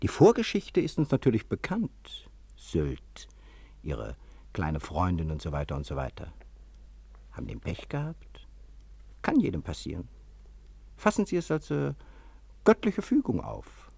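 A man's voice: sits low, huge pitch swings, measured pace, creaky, long pauses, a little mellow, husky, dry recording, heavily acted. A man playing a stern, condescending asylum doctor who lectures and commands his patient in a German radio play. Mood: dismissive.

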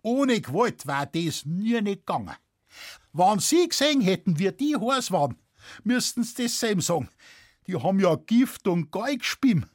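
A burly Bavarian forest warden answers in blunt, earthy dialect, as a male reader plays him. His voice sits high for a man and swings lively. It has a husky grain. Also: normal speed, dry recording, clean studio sound.

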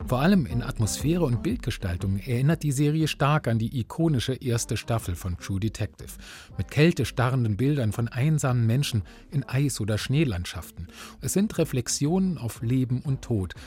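A man of middling pitch reads a scripted review for radio in standard German. He sounds like a culture reporter, with faint music underneath. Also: lively intonation, moderate pace, a little mellow.

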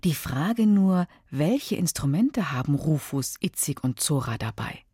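A woman's voice: deep voice, very animated, unhurried, warm tone, breathy edge, dry recording, clean studio sound. A woman host speaking directly to young listeners, giving a friendly quiz tip between story parts.

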